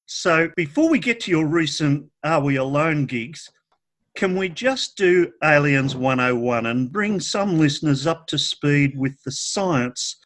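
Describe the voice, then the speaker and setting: A man hosting an interview, asking prepared questions in a polite, measured way. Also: on the high side, expressive, fairly bright tone. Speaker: podcast host interviewer.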